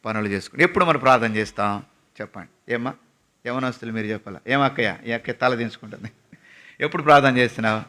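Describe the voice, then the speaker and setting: A man's voice: medium pitch, fast talker, pushed and bright. A male preacher at a prayer house giving a fervent sermon, questioning his congregation as he exhorts them. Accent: Telugu. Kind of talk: sermon with sung opening.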